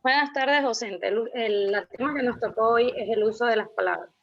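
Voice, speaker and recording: A woman's voice: brisk, creaky. A young woman from Ecuador giving a class presentation as a student, reading out rules and lists of example words with a few restarts. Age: young adult. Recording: muffled low-fidelity recording.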